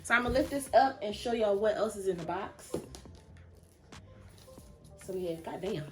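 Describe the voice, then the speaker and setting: A young woman chatting excitedly and a bit breathlessly while unboxing a new laptop for her vlog. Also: mid-range voice, moderate pace, music in the background. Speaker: vlogger.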